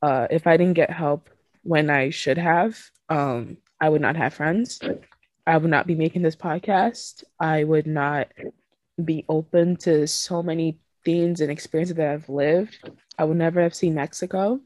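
Low-voiced young woman on a podcast. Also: fairly even intonation, measured pace, darkish tone, no room sound. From Nigeria. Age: 20s. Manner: frank and emotional, swears casually, laughs between thoughts. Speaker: podcast host. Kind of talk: candid podcast conversation.

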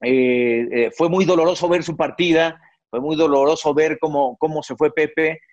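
A man's voice: on the high side, steady tone, moderate pace, darkish tone, no echo. A middle-aged man, a sportscaster guest recalling his career in an interview, with frequent fillers and restarts. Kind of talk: reflective interview storytelling. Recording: dry, slightly dull recording.

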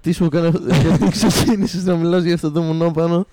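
Man, podcast co-host, teasing, quick interjections, mellow dark voice. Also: a little high, fairly even intonation, no room sound. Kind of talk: casual chat.

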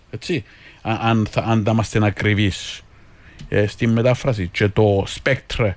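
A man with a Cypriot Greek accent in an unscripted discussion, deliberate and searching for words. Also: mid-range voice, no echo.

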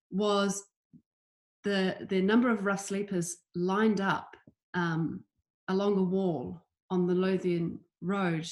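A woman's voice: mid-range voice, a little mellow. Earnest woman from New Zealand. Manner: earnest, emphatic, with restarts. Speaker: homelessness campaigner, guest. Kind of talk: earnest interview answers.

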